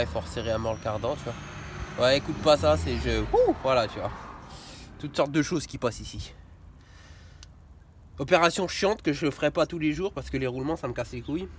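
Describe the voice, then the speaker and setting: A man's voice: mid-range voice, slight background noise. A young man casually explaining a car repair in a workshop, slangy and swearing, constantly saying "tu vois". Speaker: car mechanics vlogger. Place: garage workshop.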